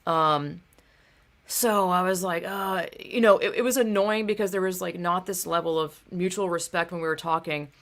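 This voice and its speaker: A woman's voice: lowish voice, normal speed, fairly bright tone. A young woman vlogging in a casual, heated monologue, swearing often and filling her talk with "like" and "dude.".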